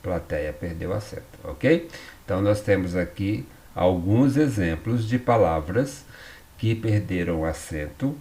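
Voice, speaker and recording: A man's voice: deep voice, lively intonation, measured pace, warm tone. A man with a Brazilian Portuguese accent giving a recorded school lesson, explaining patiently and often checking in with tag questions. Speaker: teacher.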